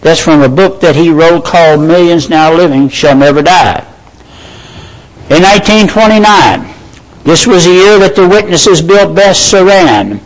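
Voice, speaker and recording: A man delivers a sermon in a high voice. He speaks to his listeners as brethren and friends. He reads out scripture and quotations at a steady, measured pace. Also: poor audio. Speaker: preacher.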